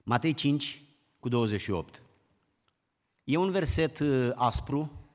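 A man preaching a sermon, emphatic, climbing to loud exclamations and then dropping low. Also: expressive. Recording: long hall reverb.

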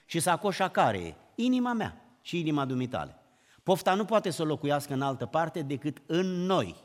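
A man preaching a sermon, emphatic, climbing to loud exclamations and then dropping low. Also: big pitch swings. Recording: long hall reverb.

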